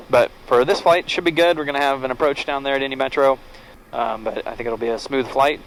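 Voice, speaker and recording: A man's voice: medium pitch, fairly even intonation, fairly quick, poor audio. A man narrating his cockpit work casually as a pilot, speaking over a pilot headset. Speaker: pilot and vlog host. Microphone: aviation headset. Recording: faint cockpit noise on headset audio. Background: aircraft cabin noise.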